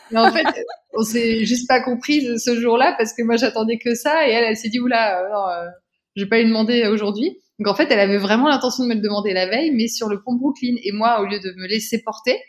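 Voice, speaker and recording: A woman's voice: fairly high pitch, fast talker. Hesitant woman telling a personal story. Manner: hesitant, many fillers and restarts. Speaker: interview guest.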